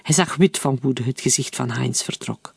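A man reading a novel aloud in steady, even-paced audiobook narration. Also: mid-range voice, moderate pace, creaky, slightly rough, no echo. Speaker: reader.

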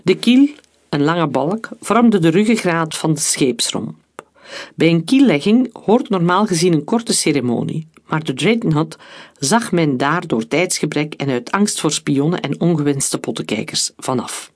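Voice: medium pitch, a little slow. Narrator telling a story. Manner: steady storytelling delivery.

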